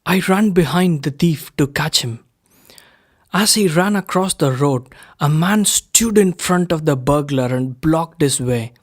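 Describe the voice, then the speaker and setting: A man reading a first-person story aloud in a measured, unhurried way. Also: on the high side, lively intonation. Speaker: reader of a story.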